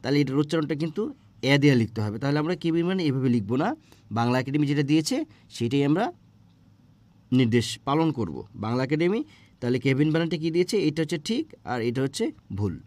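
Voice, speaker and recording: A man's voice: a little high, very animated, darkish tone. A man teaching an exam-prep grammar lesson, asking questions and answering them himself, with frequent hesitant fillers. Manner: explains slowly, with frequent "ah" fillers and restarts.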